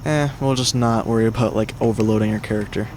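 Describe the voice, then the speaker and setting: A man's voice: fairly low pitch, steady tone, fast talker, darkish tone, slight background noise. A man giving casual let's-play commentary as a gaming creator, rambling and correcting himself, swearing when things go wrong. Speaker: gaming YouTuber.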